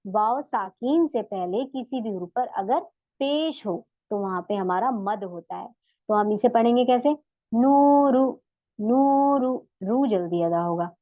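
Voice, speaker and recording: A woman's voice: mid-range voice, moderate pace, dry recording, phone-quality sound. A woman teaching tajweed in an online lesson, patiently stretching out sounds to demonstrate them. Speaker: Quran recitation teacher.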